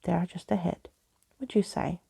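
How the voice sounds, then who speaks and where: A gallant, talkative old skeleton from a storybook, acted out by a woman reader. The wording is florid and old-fashioned, delivered in a very creaky, husky voice with a dark, relaxed softness. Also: fairly low pitch, normal speed, no room sound, full character voice. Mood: earnest, grand. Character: chatty, gallant old skeleton adventurer with key fingers.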